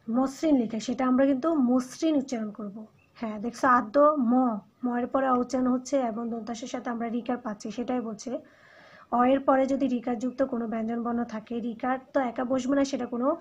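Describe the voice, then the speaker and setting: High husky-voiced Bangladeshi woman teacher. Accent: Bangladeshi Bengali. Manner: explains step by step, repeats and stresses example words. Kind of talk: recorded classroom lecture. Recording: dull lo-fi recording.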